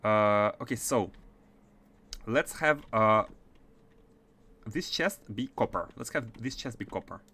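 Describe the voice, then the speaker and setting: Slow and slightly rough, this lowish male voice pauses often as he talks through his game in casual commentary packed with fillers. He's a game streamer whose accent blends Russian and French, and he chats away with occasional bursts of excitement.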